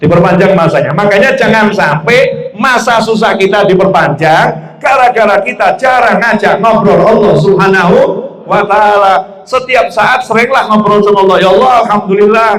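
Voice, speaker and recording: A man's voice: sits high, normal speed, a bit bright. A man preaching a religious lecture to a live audience, repeating phrases, asking rhetorical questions and acting out prayers. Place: auditorium. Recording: echoey hall.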